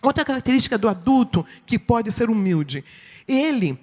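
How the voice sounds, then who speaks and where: A woman's voice: fairly high pitch, normal speed. A woman with a Brazilian Portuguese accent giving a sermon-style teaching talk at church, often checking in with her listeners. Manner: expressive, asks the audience "right?". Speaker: church speaker. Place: church hall. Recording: long reverb in a hall.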